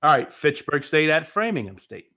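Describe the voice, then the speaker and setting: A man's voice: on the high side, big pitch swings, normal speed, sharp tone. A man from Massachusetts co-hosting a casual sports podcast, playful and joking as he runs a quiz. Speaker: podcast co-host.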